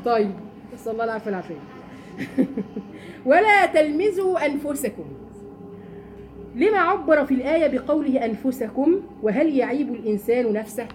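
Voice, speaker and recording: A woman's voice: high-pitched, fairly quick, pauses often. A woman with an Egyptian Arabic accent teaching a Quran study lesson to women, telling stories animatedly and mimicking mocking voices. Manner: lively, animated storytelling with mocking impressions. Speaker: religious teacher. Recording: noisy room recording.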